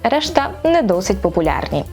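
A woman's voice: medium pitch, sing-song, normal speed, a little mellow, soft background music. A woman language teacher giving an online video lesson in a playful, upbeat way, teasing her viewers with rhetorical questions.

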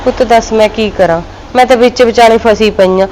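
A woman's voice: on the high side, fairly even intonation, a little fast, darkish tone, slight background noise, natural voice, low-quality recording. An older woman playing a worried, soothing mother. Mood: motherly. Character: worried old village mother.

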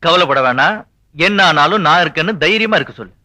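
An actor playing a forest officer in a 1980s film, talking in teasing, playful banter. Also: male voice, a little high, lively intonation, brisk, bright, forceful tone, heavily acted.

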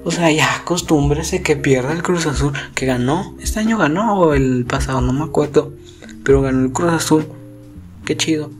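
A man's voice: on the high side, normal speed, soft background music. A teenage boy with a Mexican Spanish accent ranting casually, rambling and profane, as a YouTuber talking over gameplay. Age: teens.

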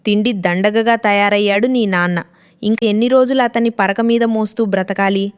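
A woman voicing a harsh young daughter-in-law who scolds in a sharp, complaining tone. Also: mid-range voice, steady tone, normal speed, clean tone, lightly acted. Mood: angry.

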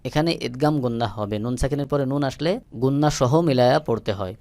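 A man's voice: medium pitch, fast talker, darkish tone, no echo. A man teaching Quran reading, spelling out each letter and its vowel and then blending them into the word. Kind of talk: slow syllable-by-syllable recitation lesson.

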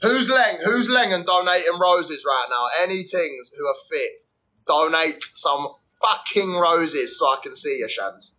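Streaming live from his phone at arm's length indoors, a young man trades crude, fast, slang-filled banter with viewers, swearing freely. His slightly high voice has lively intonation and a pushed, bright quality.

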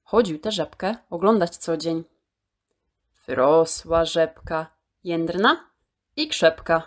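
A woman with a deep voice recites a children's poem slowly, performing it theatrically and expressively as a storyteller while stretching out key words.

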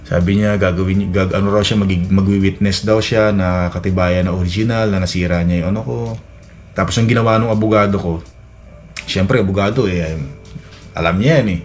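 Man, casual storytelling vlog with faint music behind. Low voice, rambling with many restarts. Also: fairly even intonation, fairly quick. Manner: rambling, many restarts and fillers, acts out quoted dialogue. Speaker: vlogger. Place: Edmonton, Canada.

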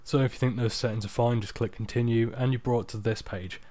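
A tired man giving a casual, unscripted screen-recording tutorial, explaining software steps in an informal, off-the-cuff way. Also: medium pitch, fairly even intonation, fairly quick, no echo. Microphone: external microphone, close and dry.

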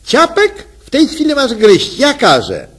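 A man voicing a giddy, coquettish middle-aged wife in a squealing falsetto. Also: wildly swooping pitch, slow pace, husky, exaggerated voice. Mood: cooing. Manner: squealing, cooing, high falsetto.

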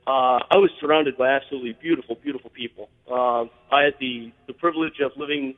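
A man with a mid-range voice and a steady tone calls in to a radio show, speaking quickly and earnestly with plenty of fillers and restarts. His voice comes through a tinny phone line with long reverb, as heard on air in call-in radio chat.

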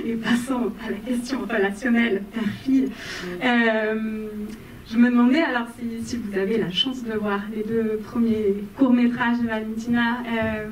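A woman's voice: fairly high pitch, darkish tone, distant mic. A young woman moderating a film Q&A, asking long, winding questions with many fillers, on a handheld mic in a cinema. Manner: winding, articulate, with frequent fillers. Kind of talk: long prepared questions to a guest. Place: cinema auditorium in front of the screen. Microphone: handheld mic, filmed from far away. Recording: echoey hall taken from afar, faint noise.

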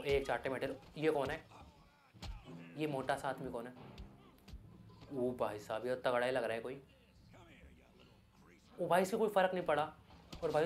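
A man giving loud, excited Hindi gameplay commentary as a gaming YouTuber. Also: on the high side. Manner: loud, hyped, yelling at the game.

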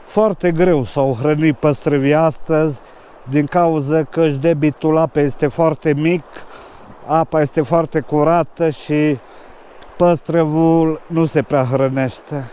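A man's voice: a little high, steady tone, mellow, smooth. A man, fishing on a mountain stream and giving casual commentary. He mostly mutters to himself, then speaks up to the camera. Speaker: fishing vlogger. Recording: rushing stream noise behind.

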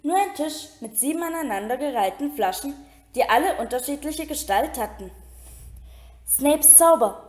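A woman reading a children's novel aloud in a steady storytelling manner, with occasional slips and restarts. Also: high voice, brisk. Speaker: reader. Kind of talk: amateur audiobook reading. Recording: roomy echo.

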